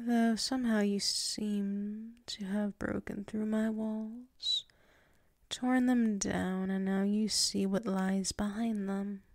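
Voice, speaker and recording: Whispering close to the microphone, a woman portrays a submissive, flustered tsundere werewolf in intimate ASMR, her speech halting and murmured. The mood feels hesitant and intimate. Her voice is mid-range and a little mellow, recorded dry.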